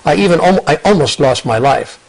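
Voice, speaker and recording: A man's voice: fairly high pitch, a little fast, vocal fry, breathy edge, low-quality recording. An older man guest in an interview, telling his story and ideas earnestly, often repeating and restarting words. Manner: earnest, repeats words and restarts, quotes others in lively asides. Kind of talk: reflective conversational storytelling.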